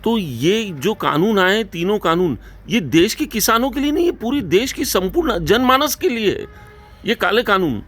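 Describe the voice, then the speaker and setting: A man's voice: high voice, animated, moderate pace, a bit bright, breathy edge, faint music behind. A man hosting a political discussion, firing rhetorical, pointed questions at his guest.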